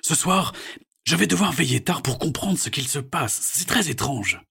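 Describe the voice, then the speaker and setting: A man voicing a kind, doting father who speaks gently and fondly, in a storybook read-aloud. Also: fairly high pitch, expressive, normal speed, gravelly, breathy edge, pitched above the performer's own voice, full character voice. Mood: puzzled.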